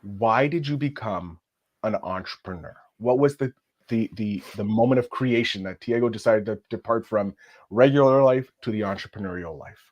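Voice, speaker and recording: A man's voice: on the low side, moderate pace, a little mellow, muffled recording. A man hosting a podcast, opening with a formal, grandiose and enthusiastic introduction before interviewing his guest. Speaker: podcast host.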